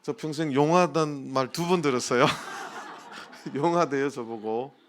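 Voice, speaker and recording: A middle-aged man preaching a sermon in a church, telling a personal story in a lively way and acting out the voices in it. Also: medium pitch, a little slow, slight background noise. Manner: animated storytelling, acts out quoted voices. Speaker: pastor. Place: church sanctuary.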